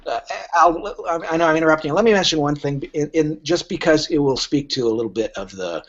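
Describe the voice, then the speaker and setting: Talking a little fast in a fairly high voice, a man guesting on a podcast as a literary agent spins animated stories and plays out bits of imagined dialogue. The casual chat is recorded in dull, lo-fi sound.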